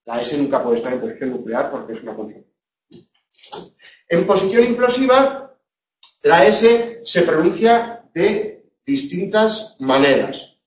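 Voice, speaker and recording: A man teaching a class on pronunciation, drawing out his examples slowly and checking in with the students again and again. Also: fairly high pitch, big pitch swings. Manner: slow, drawn-out examples with frequent "¿eh?" and "¿vale?" checks. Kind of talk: classroom lecture on phonetics. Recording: echoey room, distant lo-fi mic.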